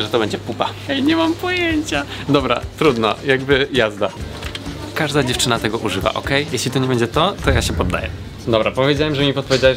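A young man hosting a casual vlog while walking through shopping mall stores, chatting playfully and laughing often. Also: medium pitch. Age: young adult. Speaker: vlogger host. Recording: background music.

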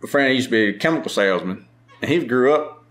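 A middle-aged man with a strong Maryland Eastern Shore accent, a farmer talking casually in an interview with a drawn-out, unhurried way of speaking. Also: mid-range voice, animated, fairly bright tone. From lower Eastern Shore of Maryland. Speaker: farmer and market owner.

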